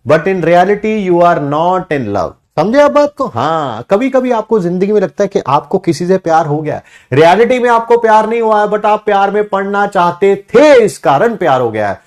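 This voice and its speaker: Male teacher, lively pitch swings, slightly high voice, joking, keeps asking the class questions. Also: moderate pace, hardly any pauses. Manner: animated, jokey, asks class questions. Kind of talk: classroom lecture.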